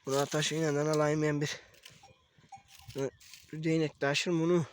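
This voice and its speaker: A young man with a voice hoarse from a cold, chatting casually to viewers from a mountain pasture. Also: a little high, flat delivery, moderate pace, slight background noise. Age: young adult. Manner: talks to viewers as friends, calls to his animals. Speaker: shepherd vlogger. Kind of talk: casual vlog narration outdoors. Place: mountain pasture outdoors, wind.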